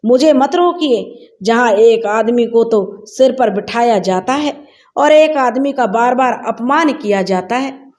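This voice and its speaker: A woman's voice: on the high side, lively intonation, takes it slowly, a little mellow. A woman voicing a bitter young wife who accuses her family through tears, told in a storybook reading. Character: angry young wife leaving her in-laws.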